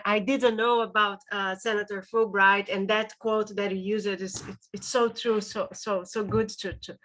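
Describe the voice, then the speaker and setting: A Brazilian woman with a Brazilian Portuguese accent teaches legal writing in a webinar presentation. Her voice sits at medium pitch with a fairly bright tone, and she often hesitates and repeats words.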